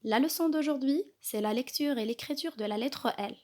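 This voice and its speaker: A woman teaching a kindergarten reading lesson, slowly and carefully sounding out each letter and syllable. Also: high voice, a little mellow. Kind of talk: slow scripted reading lesson.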